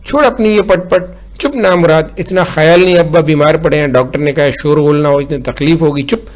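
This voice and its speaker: A man's voice: expressive, darkish tone, natural voice. A man voicing a harried middle-aged housewife who scolds her child and fusses over her sick husband. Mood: scolding. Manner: shrill, scolding, quick to snap.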